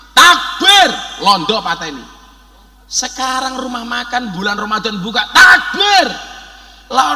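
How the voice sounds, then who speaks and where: Male preacher, Javanese accent, comic sermon, bright high voice, hall reverb. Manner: joking, animated, mixes Javanese into Indonesian, shouted takbir bursts. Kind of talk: humorous sermon.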